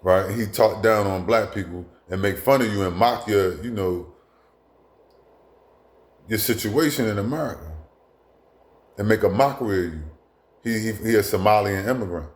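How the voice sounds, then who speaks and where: Low-voiced guy ranting casually, blunt and profane, roomy echo. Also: moderate pace, pauses often. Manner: blunt, profane, repetitive with many asides and restarts. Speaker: commentator. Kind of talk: casual monologue.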